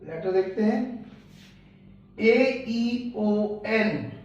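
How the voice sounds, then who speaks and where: Slow, echoey male teacher. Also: high-pitched, a little mellow. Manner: spells words out letter by letter, then says them. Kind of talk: Hindi-medium English pronunciation lesson. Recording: echoey room, distant mic, dull lo-fi.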